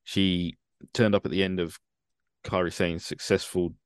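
A man's voice: low voice, little pitch movement, measured pace, clean tone, dry recording. A man hosting a casual podcast chat, giving dry, opinionated takes with wry asides. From United Kingdom. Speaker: podcast host.

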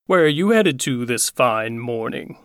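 A woman voicing a sly, menacing male fox in a storybook reading, talking slowly with a slick, sneering manner. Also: rumbling low, animated, no echo, clean studio sound, pitched below the performer's own voice.

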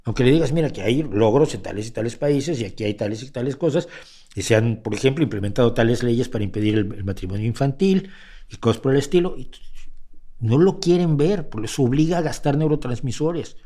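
Older Mexican male host, warm mellow tone, wry conversational delivery. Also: medium pitch, expressive, a little fast. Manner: conversational, wry, many restarts and rhetorical asides. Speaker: host answering viewer questions. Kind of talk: casual talk show monologue.

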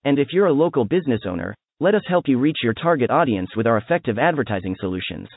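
A man's voice: mid-range voice, sing-song, quick pace, dry recording. A man reading a scripted promotional narration as an advertisement announcer. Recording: muffled, very narrow phone-like band.

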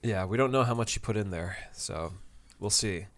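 Low-voiced man in easy podcast chat. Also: normal speed. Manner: easygoing, self-deprecating, laughs at himself. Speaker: podcast co-host. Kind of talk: casual chat recapping a TV episode.

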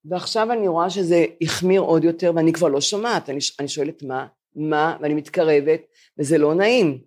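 A woman's voice: low voice, darkish tone. Woman, 70s, podcast co-host, self-mocking, chatty storyteller, casual live chat.

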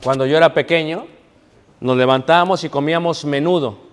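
This sermon comes from a man whose voice sits on the high side and moves a little fast. Recorded in a reverberant hall, he tells stories, asks the congregation questions, and mixes in English.

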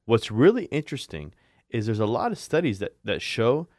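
A man's voice: medium pitch, sing-song, moderate pace, a little mellow, no echo, studio quality. A man who is an orthopedic surgeon, explaining injuries in a casual radio chat, repeating words and laughing easily.

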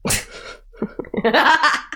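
A woman's voice: extremely slow, sharp tone. A woman co-hosting a podcast, chatting casually and telling everyday anecdotes. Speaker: podcast co-host.

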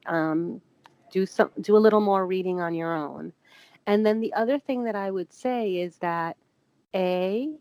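A woman's voice: fairly low pitch, dry recording, rough recording. A woman guest giving earnest, casual advice on sexual health, with frequent fillers.

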